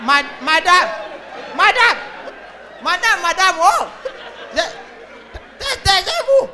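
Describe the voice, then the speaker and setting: A woman with a Cameroonian French accent playing an excitable, scolding female emergency call operator in a comedy sketch, talking to callers on the phone. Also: high voice, unhurried, a faint crowd, a little hiss or hum, exaggerated voice. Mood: bossy. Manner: scolding, excitable, often laughing and shouting. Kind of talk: comic sketch, one side of phone calls.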